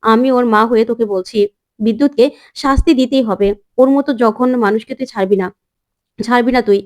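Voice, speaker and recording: A woman's voice: fairly high pitch, steady tone, a little fast, natural voice. Stern older mom scolding her son, full of guilt, narrator voicing her. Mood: lamenting. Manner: scolding, then lamenting.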